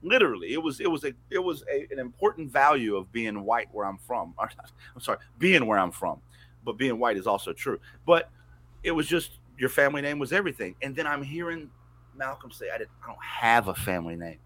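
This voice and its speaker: Man, guest storyteller, frank and salty-mouthed, bright forceful tone. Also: mid-range voice, brisk, breathy edge. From American South, mountains. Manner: candid, profane, restarts often. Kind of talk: personal storytelling in conversation.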